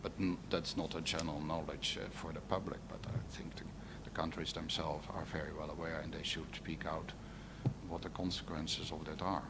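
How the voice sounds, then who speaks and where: Deep-voiced man, hesitant panel speaker. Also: little pitch movement, moderate pace. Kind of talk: conference round-table remarks. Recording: live conference recording, faint noise.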